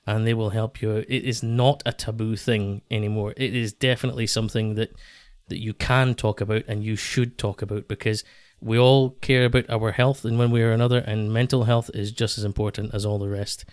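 A man hosting a podcast in casual talk, earnest and a little halting, often repeating his phrases. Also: on the low side, little pitch movement, clear, resonant tone, no room sound, studio quality. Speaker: podcast host.

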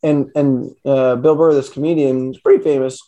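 A man's voice: medium pitch, fairly even intonation, normal speed, warm tone. A man co-hosting a podcast in casual chat, rambling with many fillers and restarts. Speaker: podcast co-host.

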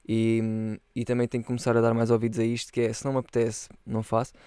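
A man's voice: medium pitch, monotone, quick pace, dark tone, clear, resonant tone, dry recording. A young man chatting casually on a solo podcast, rambling in loose slang and swearing freely. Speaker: podcast host.

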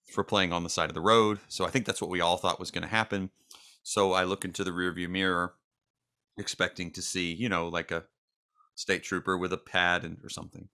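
A man in a casual podcast chat, telling an old story in a measured, dry way and poking fun at himself. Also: deep voice, bright, forceful tone. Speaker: podcast co-host.

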